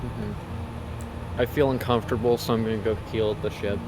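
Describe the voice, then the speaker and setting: Dry-witted young man, low voice. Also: level tone, a little fast, noisy background. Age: young adult. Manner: dry, wry jokes, brief replies. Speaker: guest learning a speedrun. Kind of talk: casual gameplay chat.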